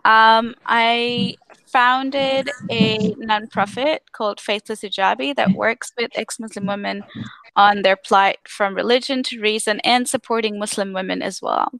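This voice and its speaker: A woman's voice: fairly high pitch, fairly even intonation, unhurried, vocal fry, fairly bright tone, no room sound. Young woman from Tanzania, earnest testimony over a video call, dry close sound. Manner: earnest, many fillers and restarts. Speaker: activist speaker on a live stream. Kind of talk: personal testimony on a live stream.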